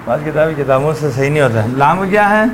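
A man with a high voice teaches Quranic pronunciation to a class. He repeats each letter sound slowly and keeps asking whether the students understand. Faint vehicle noise sits in the background. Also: expressive.

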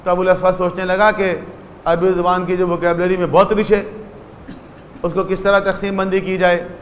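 A man with a high voice delivers a religious lecture in a hall with a long, echoing reverb. He explains patiently and voices the people in his stories. Faint ambient noise sits behind him. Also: flat delivery. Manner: explanatory, acts out short dialogues in stories.

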